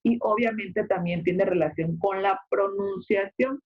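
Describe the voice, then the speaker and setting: A secondary school teacher gives an online class lecture, explaining step by step and often filling pauses with "este" and checking in with "¿ok?". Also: mid-range voice, slightly rough. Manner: explanatory, frequent filler "este" and check-ins like "¿ok?". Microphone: video call. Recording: muffled video-call audio.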